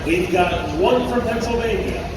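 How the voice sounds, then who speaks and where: A man working as a tractor pull announcer, addressing the fairground crowd like a showman and building up suspense, heard over outdoor loudspeakers. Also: high voice, a little slow. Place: outdoor county fair track. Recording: echoey distant outdoor PA, loud engine noise.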